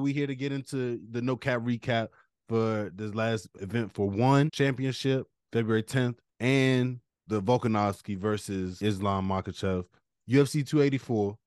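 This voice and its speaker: A man's voice: lowish voice, no echo, studio quality. A man co-hosting a casual sports podcast, laid-back and playful, with loose slangy talk. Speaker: podcast co-host.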